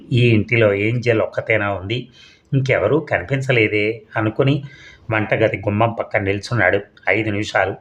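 A man narrating a suspense audio story in a steady, measured reading with occasional slips. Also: lowish voice.

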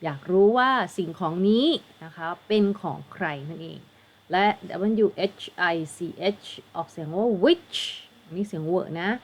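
A woman's voice: lowish voice, expressive, normal speed, a little mellow. A woman with a Thai accent, an English teacher tutoring for an exam, patiently explaining and spelling words out letter by letter.

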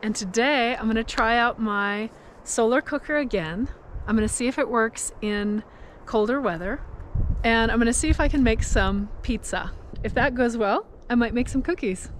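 On the high side, a woman's voice comes through with slight background noise from a camera mounted in her van. In her thirties, she's a van camping vlogger cooking in a parked minivan camper, chatty and cheerful as she thinks aloud for a casual cooking vlog.

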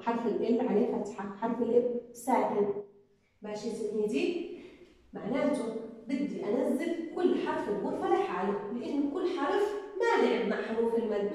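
A woman's voice: on the high side, mellow. A woman teacher, patiently sounding out syllables in an early-grade reading lesson. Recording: echoey room from far off.

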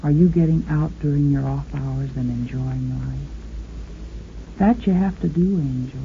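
A woman's voice: sits low, a little hiss or hum. An American woman playing an affectionate, lonesome radio sweetheart, coaxing her man in an intimate 1950s monologue. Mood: tender, soothing. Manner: slow, intimate, coaxing, crooning endearments. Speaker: radio host and companion. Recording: muffled 1950s radio recording, organ music. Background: organ music.

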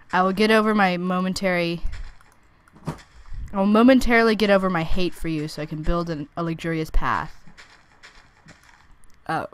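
A young woman with a medium-pitched, clear, resonant voice chats through her gameplay as a let's play gamer, with no room sound in the recording. She answers her own questions, teases the monsters, and squeals when something catches her off guard.

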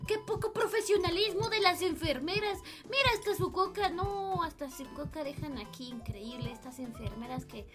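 Woman streaming a game, really high lively voice, music playing loud behind her. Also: normal speed, hardly any pauses. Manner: playful, swears and shrieks in mock panic. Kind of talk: comedic gameplay commentary.

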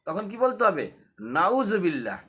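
Bright high-voiced man teaching. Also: very animated, moderate pace, slightly rough. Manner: explains with repetition and rhetorical questions. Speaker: Islamic teacher. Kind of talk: casual religious lesson.

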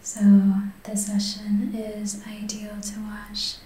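Whispering softly and breathily, a woman who hosts ASMR sessions and practices Reiki guides a healing session at a very slow, gentle pace. Her medium-pitched voice stays completely flat, deeply mellow and soothing with hardly any rise or fall, and a clear roomy echo hangs over the audio.

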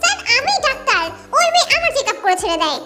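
A woman's voice: very high-pitched, big pitch swings, fast, loud music behind the voice, pitched above the performer's own voice. A woman voicing an exasperated young male doctor who fusses over his wife. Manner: fussing and protective, then whiny complaining.

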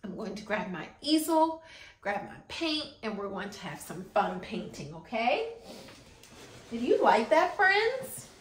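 A preschool teacher in her thirties runs an art lesson for young children, speaking in a somewhat high, very animated, slightly slow voice. She encourages the kids and often checks in with questions. The small classroom-style room gives the recording an echo.

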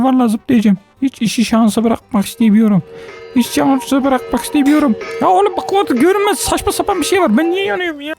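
Woman gaming host for a let's-play. High-pitched, gravelly edge, excitable, keeps talking to viewers over faint music.

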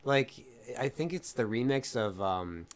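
A man's voice: mid-range voice, animated, measured pace. A man co-hosting a podcast in casual chat, playful and rambling, repeating himself as he thinks. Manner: playful, trails off and repeats words. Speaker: podcast co-host.

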